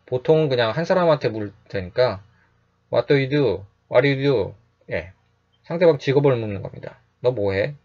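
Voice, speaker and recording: A man teaching English phrases in a calm, explanatory lecture, repeating each phrase slowly and often adding a short "yes". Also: mid-range voice, muffled recording.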